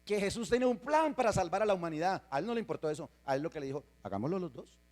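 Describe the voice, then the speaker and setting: Lively pastor preaching. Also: male voice, sits high, very fast. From Colombia. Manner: emphatic preaching with rhetorical questions to the congregation. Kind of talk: sermon. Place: church.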